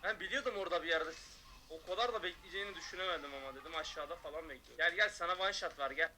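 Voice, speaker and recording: Man, gaming streamer, high voice, very bright tone, taunting shouts, faint room noise. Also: rapid-fire. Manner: loud, taunting, mocking shouts. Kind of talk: excited gameplay commentary.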